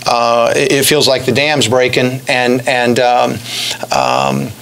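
A middle-aged man, a basketball coach, answering press questions after a game, halting with many fillers and restarts, speaking into a podium stand mic. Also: mid-range voice, gravelly, a bit bright, clear, resonant tone, low-quality recording. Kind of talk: post-game press conference. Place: press room in front of a backdrop.

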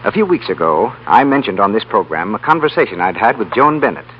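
An American male announcer reads a scripted 1930s radio show along with its advertising. His voice is fairly low and fairly quick, with big swings in pitch. The broadcast sounds muffled, with a faint hum.

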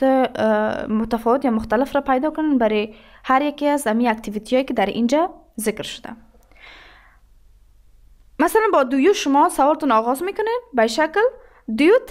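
A woman teacher with an Afghan Dari accent and a slightly high voice. She says each example sentence slowly and carefully. She then moves briskly into her explanations. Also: expressive. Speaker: English teacher. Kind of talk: explaining a language lesson.

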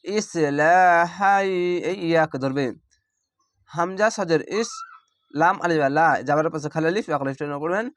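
A man's voice: fairly high pitch, a little fast, long pauses, dry recording. A young man from Bangladesh with a Bangladeshi Bengali accent, teaching Quran reading by spelling each word letter by letter and drawing out the recited words, recorded close to the mic. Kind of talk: slow spelled-out recitation lesson.

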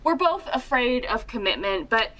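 A woman's voice: on the high side, big pitch swings, a little slow, a bit bright. An actress playing a bubbly young woman in a TV sitcom clip, announcing her new boyfriend. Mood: cheerful. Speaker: sitcom character. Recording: clip from a TV sitcom with faint music.

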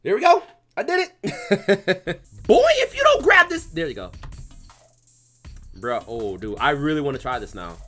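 A man doing let's play commentary, excitable and yelling at the game. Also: high-pitched, a little slow, long pauses, faint music behind. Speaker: gamer.

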